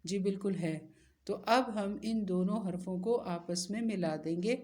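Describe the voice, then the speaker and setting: A woman's voice: mid-range voice, dark tone. Patient woman teaching recitation rules. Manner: patient, asks questions then answers them, spells letters out slowly. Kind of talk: step-by-step recitation lesson.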